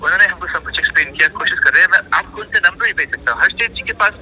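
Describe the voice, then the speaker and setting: A man speaks over a noisy phone line, his voice high and very bright. He talks haltingly, repeating words and slipping English terms into his speech. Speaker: interviewee. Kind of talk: phone interview.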